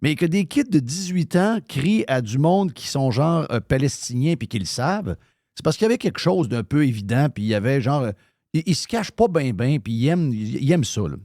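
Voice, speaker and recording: A man's voice: medium pitch, big pitch swings, a little fast, a little mellow, no echo, studio quality. A man with a Québécois accent, hosting live radio talk in a heated, ranting way, swearing freely. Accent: Québécois French. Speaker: radio show host.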